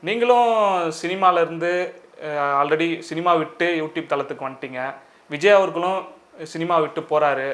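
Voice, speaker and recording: A man's voice: fairly high pitch, fairly even intonation, moderate pace, long pauses, a bit bright. A man with a Tamil accent interviewing a guest, probing and repeating his questions. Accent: Tamil Nadu.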